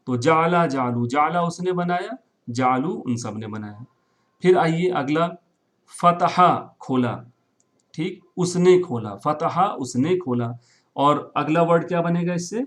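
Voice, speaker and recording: A man's voice: a little high, a bit bright. A man teaching Arabic verbs in Urdu, mixing in English words, repeating forms and often checking with "right?". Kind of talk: classroom-style recorded lesson.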